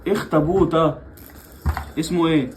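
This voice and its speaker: A man's voice: on the high side, fairly even intonation, normal speed, a little hiss or hum, poor audio. A young father with an Egyptian accent playfully coaxing his small children in a family vlog, laughing often. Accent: Egyptian Arabic. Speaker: father and vlogger.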